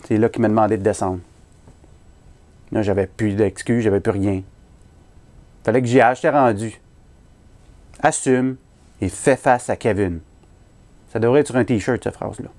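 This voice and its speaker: A man's voice: on the low side, normal speed, long pauses, darkish tone. A man with a Québécois French accent performing a comic story, self-mocking and punchline-driven.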